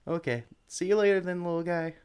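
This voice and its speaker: A high-pitched, natural male voice with a clean tone comes through dull audio, speaking a little fast. As a voice actor in a one-sided ASMR roleplay, he plays a caring, experienced Pokemon sanctuary worker showing a newcomer around, upbeat and encouraging, gently chatty, and cooing to the creatures.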